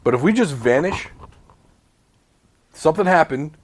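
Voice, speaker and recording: Animated mid-forties man on a podcast. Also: on the high side, unhurried, slight background noise. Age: 40s. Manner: animated, swearing, rambling with restarts. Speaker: podcast co-host. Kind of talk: casual chat. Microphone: home podcast mic with mute button.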